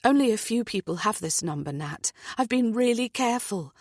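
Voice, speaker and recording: A woman's voice: fairly high pitch, expressive, moderate pace, no echo, clean studio sound, voice pushed up. A woman voicing a rattled woman who speaks in a worried, apologetic way. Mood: anxious. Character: anxious woman, rattled lottery winner.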